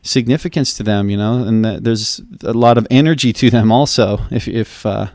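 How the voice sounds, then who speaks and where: A man's voice: on the low side, steady tone, moderate pace, a little mellow, no echo, clean studio sound. A man hosting a podcast, talking eagerly and rambling, often restarting his sentences as he asks questions. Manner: enthusiastic, rambling, with frequent restarts. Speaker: podcast host. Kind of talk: casual interview talk.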